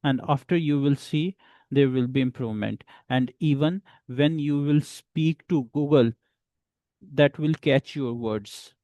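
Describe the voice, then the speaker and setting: A man leads a beginner English class, drilling pronunciation one word and number at a time. His delivery is very slow and repetitive, in a middle-pitched voice. The recording is dry and close, with no room echo. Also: dark tone. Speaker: English teacher.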